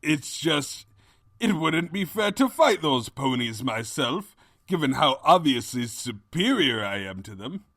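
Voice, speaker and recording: A man's voice: medium pitch, big pitch swings, fairly bright tone, no room sound, clean studio sound, exaggerated voice. Swooping, pompous evil pony king. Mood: haughty. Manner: grandiose, theatrical, drawn-out delivery. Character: pompous, scheming male evil pony king, melodramatic and boastful. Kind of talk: comic audio drama acting.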